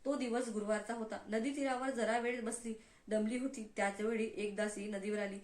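A woman tells a devotional folk tale in a measured, expressive way. Her voice sits fairly high, and the recording has a noticeable echoey room sound. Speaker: storyteller. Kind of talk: devotional story narration.

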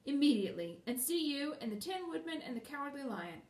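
A woman's voice: high-pitched, big pitch swings, fairly quick, darkish tone, voice pushed up. Woman playing a little farm girl, impatient, pleading, eager, storybook, echoey room. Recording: roomy and distant.

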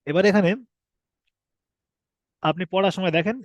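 In a recorded online class, a man patiently teaches the shapes and pronunciation of the alphabet, repeating himself and posing rhetorical questions. His voice is high and steady at a moderate pace, with no echo.

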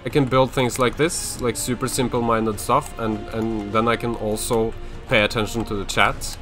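A man's voice: mid-range voice, flat delivery, moderate pace, fairly bright tone, soft background music. A young man from Norway chatting casually on a live stream while building in a game, thinking aloud with lots of fillers and restarts.

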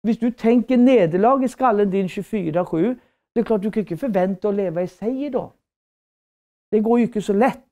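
A woman's voice: mid-range voice, mellow. A woman giving a preaching lecture at a Bible school, fervent and emphatic, with repeated phrases and rhetorical questions.

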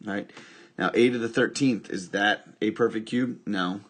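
A husky-voiced man teaching a recorded math lesson, talking through each step by asking and answering his own questions. His voice sits a little low, and he drops in dry, joking asides as he works. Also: moderate pace. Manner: talks through steps with self-questions and wry asides.

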